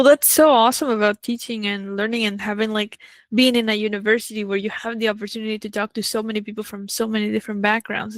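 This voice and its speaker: A woman's voice: mid-range voice, no room sound. A woman from Peru hosting an interview, talking casually and enthusiastically with many fillers. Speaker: interview host. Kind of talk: conversational video interview.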